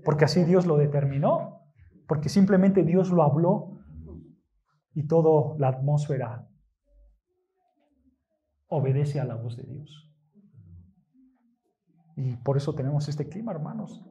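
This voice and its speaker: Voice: medium pitch, a little mellow. A preacher delivering a sermon to a congregation, stressing key words and asking rhetorical questions. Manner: emphatic, rhetorical questions, addresses congregation often. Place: church.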